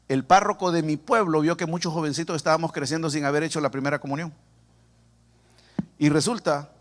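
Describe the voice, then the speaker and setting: Man, Salvadoran accent, pastor, sermon, joking with the congregation, slightly high voice. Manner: humorous, animated, addresses the congregation directly. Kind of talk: sermon with personal testimony. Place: church sanctuary.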